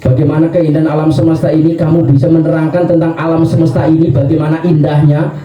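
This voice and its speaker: A man's voice: a little high, flat delivery, fast, dark tone, a little hiss or hum, lightly acted. A male preacher voicing the wise companion Ali, patiently questioning and answering with reverence. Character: wise elder companion Ali, calm teacher. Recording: roomy, dull lo-fi recording.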